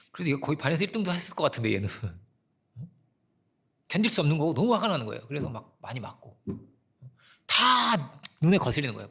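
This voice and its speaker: A male pastor preaching in a relaxed, storytelling way, his voice gravelly and a little husky. The pitch swings widely and sits somewhat high for a man. He slips into soft, hushed asides when he quotes what people or God would say. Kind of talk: sermon.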